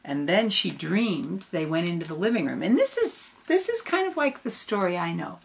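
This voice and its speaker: Older woman, grandma storyteller, unhurried, lively pitch swings over a creaky voice. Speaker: grandmother reading a picture book aloud. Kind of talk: storybook read-aloud with casual asides.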